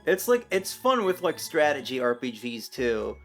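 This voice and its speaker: A man's voice: medium pitch, big pitch swings, moderate pace, a bit bright. A man chatting casually and rambling about games while streaming, often self-deprecating. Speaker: game streamer. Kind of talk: casual gaming chat. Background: game music.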